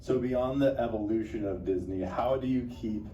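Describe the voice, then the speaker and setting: A man's voice: medium pitch, moderate pace, mellow, lo-fi sound, a little hiss or hum. A man interviewing a guest onstage at a live event, joking and bantering. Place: live event before an audience. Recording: roomy, distant mic with faint ambience.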